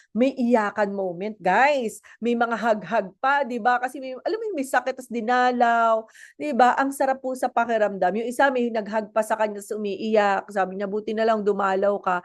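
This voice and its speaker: Filipino woman speaker, higher register, chatty and motivational, keeps checking in with her audience. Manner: chatty, mixes English and Tagalog, asks the audience. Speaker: network marketing speaker. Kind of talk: motivational talk to an online audience.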